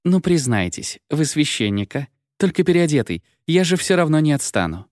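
A man reading an audiobook and voicing a chatty, naive young woman who rambles and pleads in a raised pitch. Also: very animated, normal speed, a little mellow, dry recording, clean studio sound. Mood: pleading. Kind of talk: audiobook character voice.

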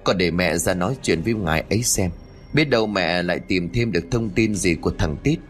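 Male narrator as a desperate old grandmother from a ghost storybook, raised and quick. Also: low voice, soft background music, natural voice. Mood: quiet resolve.

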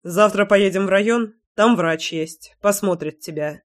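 A woman voicing a blunt, stubborn young village man in an audiobook, gruff and matter-of-fact, teasing at times. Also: mid-range voice, unhurried, natural voice. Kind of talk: audiobook character voice.

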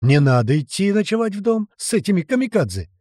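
A jumpy young soldier, as a male narrator puts him on, squeaking his complaints in a raised, indignant voice. The delivery is loud, recorded dry and close. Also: big pitch swings, measured pace, slightly rough, dry recording, exaggerated voice. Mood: whining.

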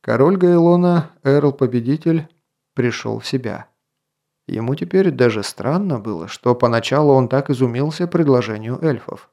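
A man reads a fantasy novel aloud with a mellow, dark-toned voice in the middle range. His delivery is measured and even, like a steady audiobook narration. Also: mid-range voice, creaky, muffled recording. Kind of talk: scripted narration.

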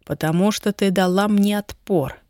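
A woman voicing a wealthy young husband, ardent but guarded, in a slow, low, even delivery. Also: dry recording, clean studio sound, close to an everyday voice. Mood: low, measured.

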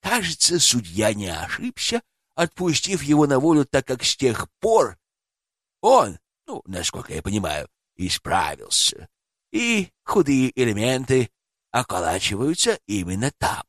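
A man's voice: medium pitch, huge pitch swings, measured pace, no echo, clean studio sound. A man voicing a bashful old male street vendor who stammers and hesitates. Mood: musing. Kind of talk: audiobook character voice.

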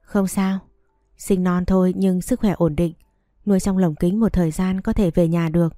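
Lady reading a drunk cheating husband, slurry and wheedling, low mellow voice. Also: steady tone, normal speed, dry recording, clean studio sound, faint music behind, natural voice. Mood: apologetic.

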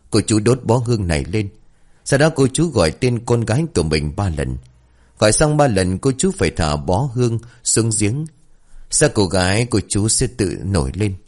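A man voicing a polite, soft-spoken young man who helps at a village temple in a spoken story. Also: on the low side.

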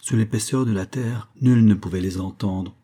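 Male audiobook narrator, husky timbre, measured somber storytelling. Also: fairly low pitch, warm tone. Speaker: audiobook reader. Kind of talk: scripted narration.

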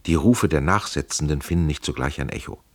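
A man's voice: very deep voice, brisk, no room sound. A man narrating an audiobook in a dramatic, vivid storytelling manner, close to a studio mic.

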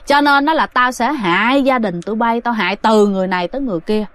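A woman's voice: on the high side, fast, fairly bright tone, no echo, lightly acted. A woman voicing an angry, cursing male ghost who scolds a family in a told ghost story. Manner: coarse, scolding.

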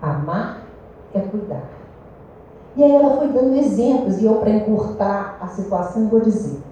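A woman with a Brazilian Portuguese accent giving a lively spiritual talk to a meeting group, questioning her listeners. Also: mid-range voice, fairly quick, slight background noise. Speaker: speaker at a spiritist study meeting. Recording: echoey room, distant dull mic.

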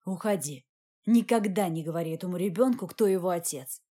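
A woman voicing Mark, a hard, commanding man who speaks in a curt, forceful way in an audiobook. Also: lowish voice, a little fast, lightly acted. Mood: cold.

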